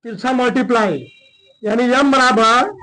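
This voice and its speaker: A man teaching a chemistry lesson, his voice very high and bright. He talks in a colloquial way while working a problem step by step. He keeps stopping to check that his students are following. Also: unhurried, rough recording.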